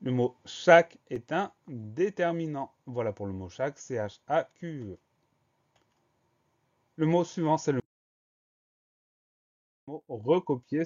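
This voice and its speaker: A man walks through a dictation lesson at a patient, methodical pace, spelling words out letter by letter. His voice sits at an ordinary middle pitch. The recording is a bit dull and lo-fi. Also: a little mellow. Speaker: French teacher.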